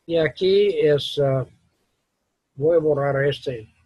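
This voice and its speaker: Profesor de voz ronca y pausada. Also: male voice, fairly high pitch, a little mellow, husky, no echo. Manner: slow, halting explanations mixing English words into Spanish. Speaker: English teacher. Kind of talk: classroom grammar lesson. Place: classroom.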